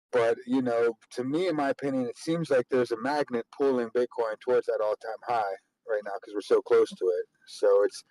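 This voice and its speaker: A man's voice: medium pitch, darkish tone, no room sound. A man speaking on a group call from his moving car, his voice muffled as if on a landline, chatting casually and hedging his views. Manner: hedging, keeps adding "in my opinion" and "you know". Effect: muffled call audio, others say he sounds like he is on a landline. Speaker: crypto trader on a group call. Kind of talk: casual chat.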